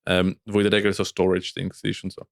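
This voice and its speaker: Low-voiced Swiss German man, dry sound. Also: monotone, fast, vocal fry, no room sound. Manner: rambling storyteller, many fillers and restarts, laughs often. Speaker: podcast co-host and band guitarist. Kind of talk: casual podcast chat.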